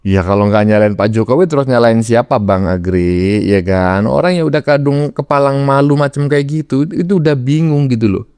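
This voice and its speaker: Chatty man with a smooth voice. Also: mid-range voice, normal speed, hardly any pauses, darkish tone, dry recording. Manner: chatty, seeks agreement with tag questions. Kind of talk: casual political chat.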